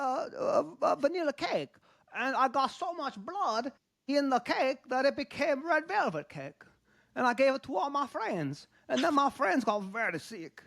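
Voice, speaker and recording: A man's voice: extremely high pitch, no echo, studio quality, full character voice. A man doing a grumpy greedy puppet chef. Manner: deadpan, easily offended, childlike. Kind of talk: comic bit on a podcast.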